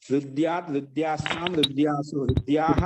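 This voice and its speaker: A man teaching Sanskrit grammar in an online class, repeating each phrase slowly so students can write it down. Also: fairly high pitch, steady tone, very noisy.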